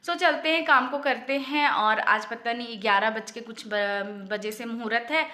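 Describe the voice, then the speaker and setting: A woman vlogger talking straight to her viewers, chatty and casual, dropping English words into her Hindi. Her voice is bright and sits a little high, and she sounds upset, close to tears. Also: steady tone, measured pace. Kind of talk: casual vlog talk to camera.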